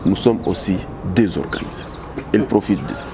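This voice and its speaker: A man's voice: deep voice, lively intonation, brisk, noisy background. A man with a Congolese French accent, a political analyst answering interview questions with passion and many restarts. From Democratic Republic of the Congo. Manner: impassioned, repetitive restarts.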